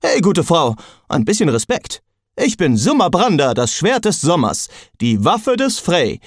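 A man's voice: a little high, sing-song, unhurried, dry recording, clean studio sound, pitched above the performer's own voice. A man voicing a boastful, ancient male sword that talks in a cocky, indignant way.

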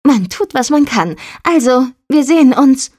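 A woman's voice: high-pitched, expressive, measured pace, darkish tone, slightly rough, pitched above the performer's own voice, exaggerated voice. A woman voicing a sarcastic, defiant young woman who argues stubbornly in a story. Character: sharp-tongued defiant young woman, boat builder's daughter.

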